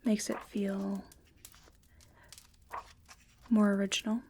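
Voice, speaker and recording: Woman, soft-spoken librarian role-play: soft breathy library soft voice, slow and mellow, gentle delivery. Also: mid-range voice, flat delivery, a little hiss or hum. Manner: slow, gentle, unhurried murmuring. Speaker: ASMR performer playing a librarian.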